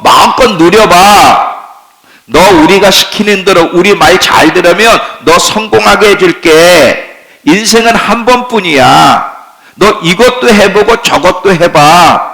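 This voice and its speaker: A man's voice: vocal fry, heavily acted, low-quality recording. A man voicing the world personified as a pushy tempter who urges the listener to enjoy life. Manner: wheedling, urging, speaking louder and higher.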